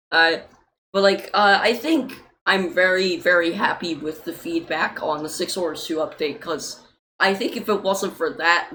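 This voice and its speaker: A woman's voice: on the low side, fairly bright tone, slight background noise, rough recording. A young woman, an indie game developer, chatting loosely in a livestream Q&A with many fillers and casual swearing.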